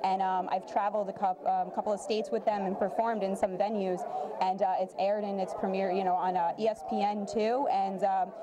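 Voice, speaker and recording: A woman's voice: mid-range voice, level tone, brisk. Young woman, rambling casual talk, noisy room. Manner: hesitant, rambling, many likes and you-knows. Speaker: interview guest, actress. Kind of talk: casual interview answers. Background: clear background noise.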